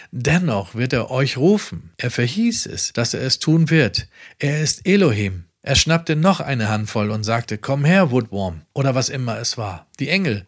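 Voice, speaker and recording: A man preaching a sermon emphatically, with sudden loud raised phrases. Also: mid-range voice.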